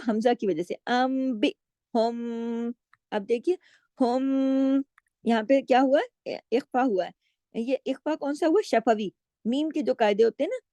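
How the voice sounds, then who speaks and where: A woman teaching Quran recitation rules, reciting slowly and drawn out, then explaining step by step and asking her students questions. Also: fairly high pitch, dark tone, no room sound. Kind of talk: tajweed lesson with slow recitation.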